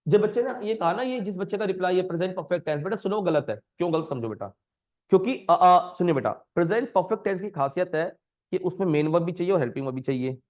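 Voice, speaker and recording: A male grammar teacher leads a live online grammar lesson in Hindi mixed with English terms, coaxing his students with repeated questions. His voice sits high and is expressive at a quick pace, though the lo-fi recording sounds dull.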